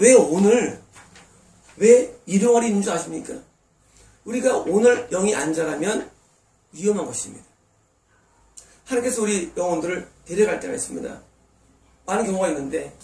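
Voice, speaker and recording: Male pastor, high voice, sermon with rhetorical questions, distant mic in an echoey sanctuary. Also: darkish tone. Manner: preaching with rhetorical questions to the congregation. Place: church sanctuary.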